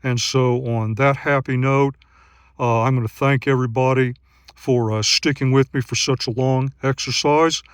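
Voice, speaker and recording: A man in his sixties narrating an outdoor field vlog at night on grassland trails. He talks steadily and methodically, pausing often with "uh" fillers, and is out of breath after running. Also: mid-range voice, steady tone, smooth, no echo, clean studio sound. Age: 60s. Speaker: gear reviewer and search-and-rescue volunteer.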